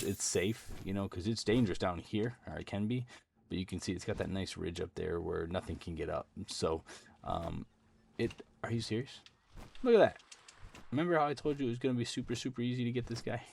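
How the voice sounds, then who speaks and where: Gravelly low-voiced man narrating gameplay. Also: a little hiss or hum. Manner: chatty, rambling with many ums. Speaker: gaming channel host. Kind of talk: casual gameplay commentary. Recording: game music underneath. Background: game music.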